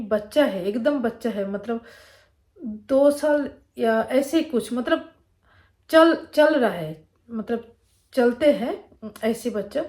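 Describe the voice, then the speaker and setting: A woman from Bengal with a Bengali accent, telling a personal story in a casual, rambling way with many fillers and restarts. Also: fairly high pitch. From Bengal, India. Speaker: vlogger.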